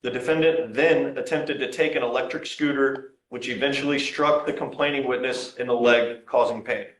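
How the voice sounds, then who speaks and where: A man's voice: mid-range voice, steady tone, moderate pace, fairly bright tone. A man formally reading out probable cause reports in a courtroom, in a matter-of-fact way. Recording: echoey courtroom sound.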